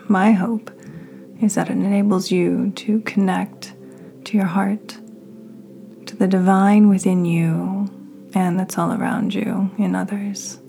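A woman hosting a podcast, leading a guided meditation in a soft, half-whispered, soothing voice. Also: mid-range voice, vocal fry. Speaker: podcast host.

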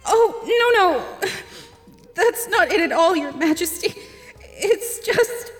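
An actress voicing a goddess in disguise as a humble young hairdresser, ingratiating and pleading in a podcast audio drama. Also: female voice, extremely high pitch, animated, takes it slowly, big-room sound, soft background music, exaggerated voice.

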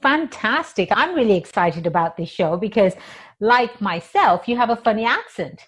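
Upbeat woman attorney host, playful banter, animated, expressive pitch. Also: moderate pace, slightly rough. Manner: bubbly, jokey, upbeat. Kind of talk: podcast interview hosting.

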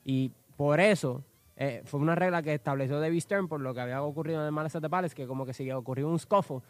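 A man's voice: fairly high pitch, fast, no room sound. A man co-hosting a sports talk show, explaining the details and mixing in English terms.

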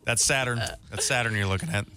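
A man's voice: mid-range voice, fast talker, heavy background noise. A male radio co-host cracking goofy jokes in casual on-air banter.

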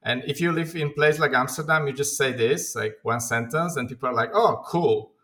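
Hesitant man with a bright voice. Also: medium pitch, normal speed. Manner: hesitant, many restarts and fillers, laughs easily. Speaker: guest, company founder. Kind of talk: casual interview chat. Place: own apartment. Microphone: video call.

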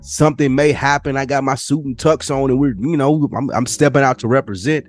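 In a casual podcast chat, a laid-back male co-host tells a story briskly, bringing it to life by mimicking people in higher voices. The recording has no echo.

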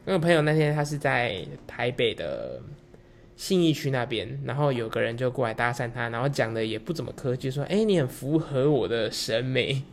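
Gravelly Taiwanese-accented young man. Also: mid-range voice, expressive, a little fast, slight background noise. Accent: Taiwanese Mandarin. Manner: loose, candid, swears casually. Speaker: podcast host. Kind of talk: casual storytelling chat.

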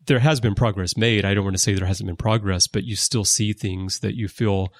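A man hosting a casual podcast conversation, explaining background at length with lively emphasis. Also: fairly low pitch, fairly quick, dry recording. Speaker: podcast host. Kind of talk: casual conversation about a TV series. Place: lives in Japan.

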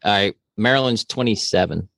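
A man's voice: fairly low pitch, fairly quick, creaky, a bit bright, no room sound, studio quality. A man co-hosting a casual podcast, playful and jokey in the banter. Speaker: podcast co-host.

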